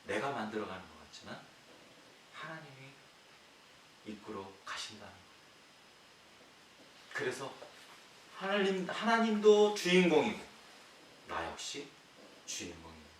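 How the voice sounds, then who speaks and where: A male pastor preaching a sermon, posing rhetorical questions to the congregation and swinging between loud emphatic lines and quiet low ones. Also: sing-song, unhurried, long pauses. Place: church sanctuary. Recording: echoey hall, distant mic, faint hiss.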